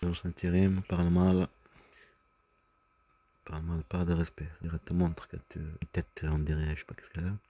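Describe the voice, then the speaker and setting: A man's voice: sits low, level tone, normal speed, long pauses, warm tone, lo-fi sound. A man talking in a rambling personal monologue, agitated and often stumbling over and repeating his words. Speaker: vlogger.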